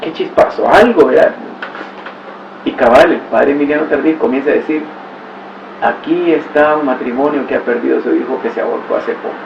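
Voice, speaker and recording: A man's voice: mid-range voice, brisk, creaky. A man giving a religious teaching talk, telling stories with exclamations and rhetorical asides. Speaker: catechist. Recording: roomy, distant, dull recording with faint hiss.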